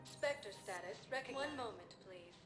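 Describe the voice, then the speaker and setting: A woman voicing a calm, polite elevator computer in a video game, making measured announcements. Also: medium pitch, lightly acted. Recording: echoey game audio with loud music.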